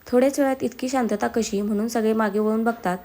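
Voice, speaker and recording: This storyteller, a woman, performs all the characters of a family story on her own. She speaks quickly in a mellow, higher-pitched voice with fairly even intonation.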